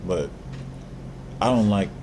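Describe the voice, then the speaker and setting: A very low-voiced man co-hosting a podcast, blunt, profane and jokey. Steady background noise runs clearly under his voice. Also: slow pace. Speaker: podcast co-host. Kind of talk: casual podcast chat.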